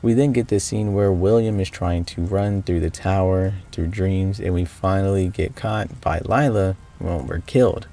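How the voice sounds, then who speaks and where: A man reading scripted game analysis narration in a measured, explanatory way. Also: low voice, dark tone, a little hiss or hum. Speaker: video narrator.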